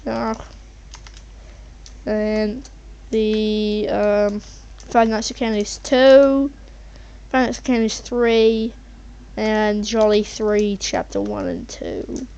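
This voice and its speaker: In a mid-range, creaky, warm voice, a woman talks very slowly over her gameplay as a channel host, casually rambling and hesitating as she thinks aloud. Her muffled mic picks up faint background noise and keyboard typing.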